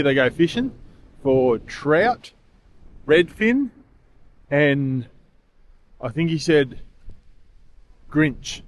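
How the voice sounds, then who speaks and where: A man's voice: medium pitch, slight background noise. A man talking casually to camera as a travel vlogger, chatty and rambling with fillers and restarts, outdoors at tourist spots and later indoors. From Australia. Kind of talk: casual travel vlog chat.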